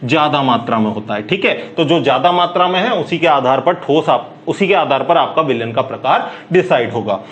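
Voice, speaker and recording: A man teaching a chemistry class, firing quick questions at students and answering them himself in a brisk, chatty way. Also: mid-range voice, lively intonation, fairly bright tone, muffled recording. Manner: calls listeners "bhai", brisk and chatty. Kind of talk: classroom lecture.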